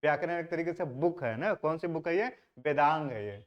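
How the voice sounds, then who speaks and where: A man's voice: a little high, fairly quick. A male teacher gives an exam-prep history lecture. He asks the class questions and answers them himself, and he mixes English words into his talk. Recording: dull lo-fi sound.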